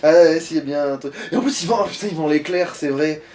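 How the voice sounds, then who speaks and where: A man's voice: a little high, rapid-fire, a little mellow, faint music behind. A man hosting a casual let's-play, chatting crudely and swearing as he plays. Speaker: gaming video host, playing. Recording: faint background noise.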